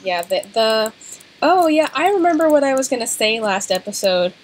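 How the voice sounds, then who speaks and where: Quiet young woman co-player, mumbly and soft, casual gaming banter, noisy clicky recording. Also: a little high, very animated, moderate pace. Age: young adult. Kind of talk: casual let's-play chat.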